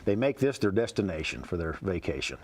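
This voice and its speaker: A man's voice: low voice, very animated, brisk, breathy edge. A man chats casually as an interview guest, folksy and plainspoken. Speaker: interview guest, cowboy poet.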